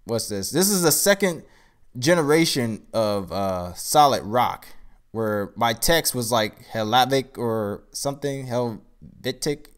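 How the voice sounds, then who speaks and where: A man's voice: medium pitch, expressive, slow. A tired, groggy man on a casual live stream, showing off his card game and thinking aloud as he rambles through each card. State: groggy, tired from a long day.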